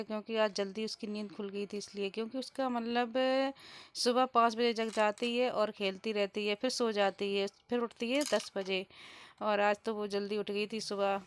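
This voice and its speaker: A woman's voice: mid-range voice, a little hiss or hum. A young woman narrating a casual home vlog about her baby, rambling with fillers and restarts. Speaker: vlogger, mother.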